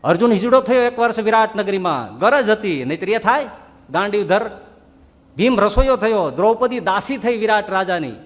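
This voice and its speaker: High-voiced preacher in a reverberant hall. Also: male voice, normal speed. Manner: animated storytelling, rhetorical questions, voices quoted figures. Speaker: Swaminarayan preacher. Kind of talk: sermon.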